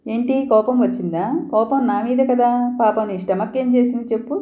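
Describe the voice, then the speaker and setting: A woman's voice: on the high side, fairly quick, mellow, echoey room, natural voice. A woman voicing a confident, teasing young male boss who talks in a playful, bossy way.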